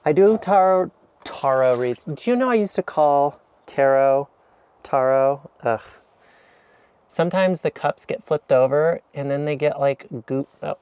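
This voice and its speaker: A man's voice: a little high, lively intonation, a little slow, darkish tone, clean tone, no echo. A man in a camper van giving a chatty, rambling, self-deprecating tour of his kitchen, filmed on an action camera. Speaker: vlogger. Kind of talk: casual kitchen walkthrough vlog.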